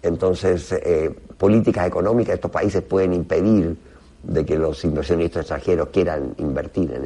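Speaking Spanish as an interview guest, this professor has a mellow, low and gravelly male voice. His explanations come haltingly as he searches for the right words.

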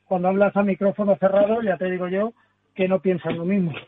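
High-pitched guy on a phone-like radio line, blunt and frank. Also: flat delivery, brisk. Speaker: automotive sector commentator. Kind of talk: radio panel discussion.

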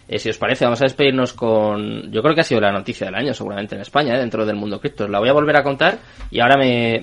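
Fast-talking man hosting. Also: mid-range voice. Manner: reads news aloud quickly, leads the panel. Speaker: host. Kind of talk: roundtable discussion.

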